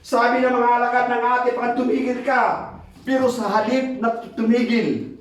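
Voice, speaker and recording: A man preaching a sermon, switching between Tagalog and English and reading scripture aloud, emphatic and swinging between quick urging and slow drawn-out phrases. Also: very high-pitched, fairly even intonation. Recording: very echoey hall, mic far off.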